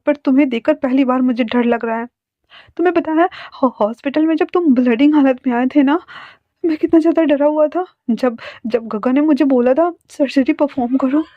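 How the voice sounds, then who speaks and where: A woman voicing a young male doctor who is frightened and flustered, speaking in a rushed, panicky way. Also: high voice, no room sound, pitched above the performer's own voice, natural voice. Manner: panicky, breathless scolding. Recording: dry, dull lo-fi sound.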